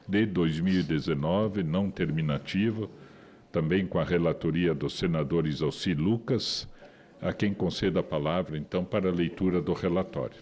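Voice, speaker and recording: A man's voice: deep voice, darkish tone. A Brazilian man chairing a legislative committee session, speaking in a formal, procedural way. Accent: Brazilian Portuguese.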